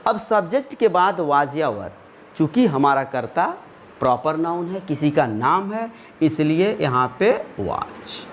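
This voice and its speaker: Male tutor for a recorded grammar lesson, slow and methodical, answers his own questions, faint room noise. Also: a little high, big pitch swings. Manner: stretches out English example words. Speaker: English grammar teacher. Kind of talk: classroom-style grammar lesson.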